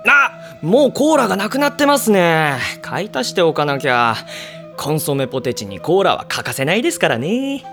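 男性声優が演じる、のんびりして冷静にツッコむ十代の男子部員。気さくなアニメの芝居。. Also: male voice, a little high, sing-song, normal speed, fairly bright tone, faint music behind. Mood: idle. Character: laid-back, dryly observant teenage schoolboy club member. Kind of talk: anime voice acting.

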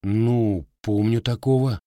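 A man's voice: lowish voice, fairly even intonation, slow, mellow, no echo, studio quality, pitched above the performer's own voice. A man voicing a guarded, scarred young Cossack with plain, blunt village speech.

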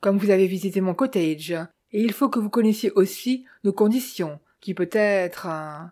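Woman reading a gracious smiling clergyman, audiobook, mellow tone. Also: mid-range voice, animated, normal speed, lightly acted. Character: genial English male clergyman, suave landlord.

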